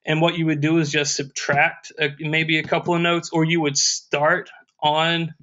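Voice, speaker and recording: A man giving a music history lecture, halting with many fillers and restarts, and scatting rhythms to show them. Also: a little high, level tone, bright, forceful tone. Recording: dull lo-fi lecture recording.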